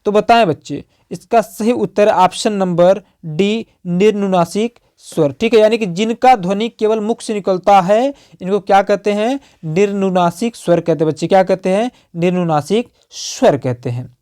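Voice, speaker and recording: This male teacher works through exam prep questions, asking and then answering them on his own and repeating key terms while writing on the slide. He has a high voice with a dark, clean tone, speaking at normal speed with few pauses.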